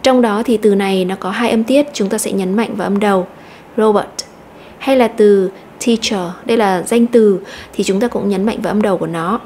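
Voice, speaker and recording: A woman teacher explaining an English lesson step by step, slowly repeating each word to stress. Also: medium pitch, darkish tone, slight background noise. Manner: methodical, repeats words slowly.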